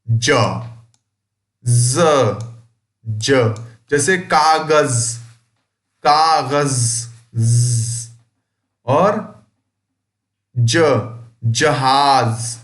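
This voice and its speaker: A man teaching a school lesson, reading a play aloud and explaining it slowly and deliberately, drawing out words to show their sounds. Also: fairly high pitch, a bit bright, reverberant.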